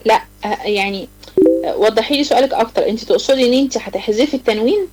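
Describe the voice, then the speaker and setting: This Quran recitation teacher, an Egyptian woman with a fairly high but darkish voice, takes girls through an online tajweed class rule by rule, asking question after question. Her examples come in a slow, drawn-out chant. The recording is rough.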